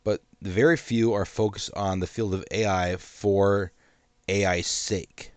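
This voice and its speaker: A man hosting his own channel, giving a measured, cautionary solo commentary while congested from a sinus infection. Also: on the low side, fairly even intonation, darkish tone, dry recording.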